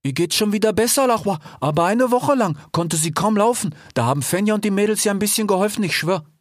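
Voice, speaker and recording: Man as excitable young fox, high and springy, dry mic. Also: fast, no room sound. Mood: eager. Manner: eager, boyish. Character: carefree young male desert fox.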